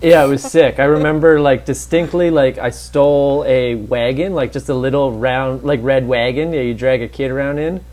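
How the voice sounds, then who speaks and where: A young man telling stories casually among friends, with crude, profane, animated delivery. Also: mid-range voice, normal speed, hardly any pauses. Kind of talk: casual storytelling chat with friends.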